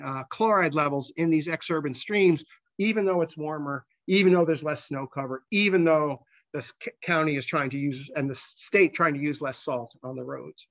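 A man giving a conversational scientific slide presentation as a researcher, halting, with repeated words and false starts. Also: fairly high pitch, a bit bright, dull audio.

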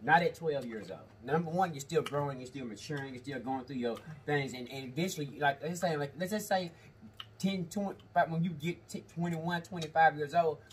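A man in his thirties giving opinions in casual chat, halting and repeating himself for emphasis. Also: fairly high pitch, distant mic, slight background noise. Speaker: co-host, the host's husband. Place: indoor studio, seated at a table of food.

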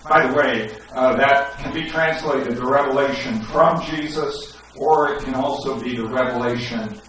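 Preaching a sermon with scripture readings, a middle-aged male pastor wears a headset mic, gestures while speaking and builds to emphatic questions. He talks at normal speed in a mid-range, slightly bright voice. The distant recording in the echoey sanctuary picks up a little hiss or hum.

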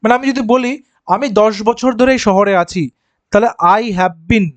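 A man teaching an exam-prep grammar lesson, patiently explaining and posing questions to his students, then answering them himself. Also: high-pitched. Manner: reads example sentences slowly and deliberately.

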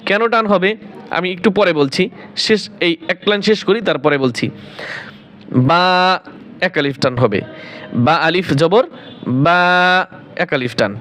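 High-voiced man teaching Arabic letters. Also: animated, fairly bright tone. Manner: asks the viewer questions and answers them himself, repeats letters slowly. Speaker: Quran teacher. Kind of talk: Arabic alphabet pronunciation lesson.

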